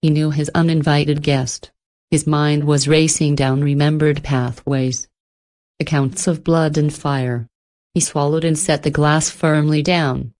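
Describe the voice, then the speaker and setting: A woman narrating a horror story script in a steady, measured storytelling manner. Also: low-pitched.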